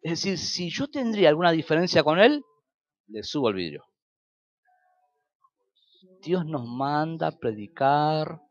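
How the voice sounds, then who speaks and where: A man's voice: a little high, highs cut off. A man with an Argentine Spanish accent preaching a sermon as pastor, telling stories and acting out quoted dialogue with sudden rises and drops.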